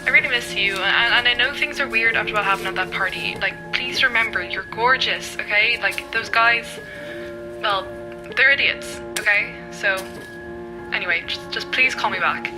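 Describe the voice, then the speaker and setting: A woman's voice: fairly high pitch, normal speed, over music, low-quality recording. A young woman leaving a caring, slightly hesitant voice message for a friend. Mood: worried, caring. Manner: caring, reassuring, a little hesitant. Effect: played as a phone voice message.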